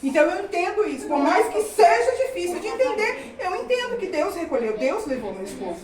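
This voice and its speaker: A woman's voice: very high voice, big pitch swings, brisk, crowd noise. A middle-aged woman giving a testimony in a church service, telling her story fervently with lots of repetition. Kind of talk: testimony sermon to a congregation. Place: church hall with congregation. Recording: echoey hall from far off with congregation.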